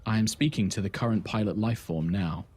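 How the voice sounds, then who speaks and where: Game master doing a calm menacing ship AI, low and husky, lively in pitch. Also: male voice. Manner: calm, cold and measured. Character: calm, eerily polite male ship AI.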